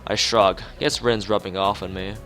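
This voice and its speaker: A man gives a dramatized read-aloud narration of a visual novel, occasionally stumbling and rereading phrases, with music playing behind him. His voice is lowish and a bit bright, with a steady tone at normal speed.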